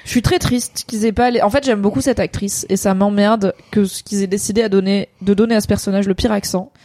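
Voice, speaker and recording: A woman co-hosting a stream debriefing a TV episode, chatting casually with quick digressions and many fillers. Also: mid-range voice, fairly even intonation, darkish tone, no room sound. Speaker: co-host of a series debrief stream. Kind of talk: casual chat.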